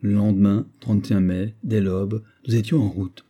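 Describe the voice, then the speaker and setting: A man reads a novel aloud as audiobook narration, steady and even. His voice is very dark and mellow, with a husky edge. It sits a little low. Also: moderate pace.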